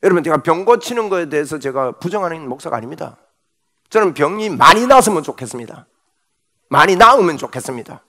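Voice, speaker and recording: A middle-aged male pastor preaching a Sunday morning sermon fervently, with sudden shouts. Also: a little high, big pitch swings, quick pace.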